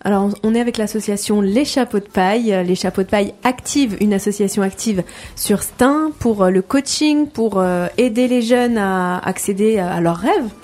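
A woman hosting a radio talk show, interviewing guests in a halting way with many fillers. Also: mid-range voice, darkish tone, soft background music.

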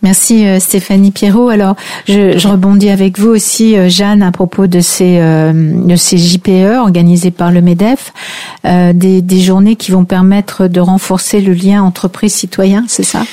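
A woman's voice: medium pitch, flat delivery, moderate pace, mellow. A woman hosting a radio interview, speaking hesitantly with many fillers and short agreeing replies. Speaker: radio host.

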